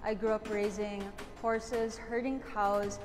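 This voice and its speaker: A woman's voice: medium pitch, little pitch movement, slow, big-room sound. A woman in her twenties giving a composed, earnest self-introduction to camera as a pageant contestant. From Philippines, raised in the US. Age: 20s. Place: dark studio. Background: music.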